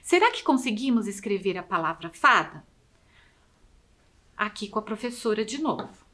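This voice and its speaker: A Brazilian woman teacher giving a lesson to children, spelling words out slowly and sounding out syllables with exaggerated care. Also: medium pitch, animated, bright, forceful tone. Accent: Brazilian Portuguese. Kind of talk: slow, drawn-out classroom instruction for children.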